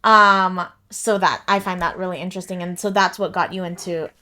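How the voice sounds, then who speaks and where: A woman hosting a podcast interview, asking questions in a chatty way with quick asides. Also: fairly low pitch, steady tone, sharp tone. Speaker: podcast host. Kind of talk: casual interview.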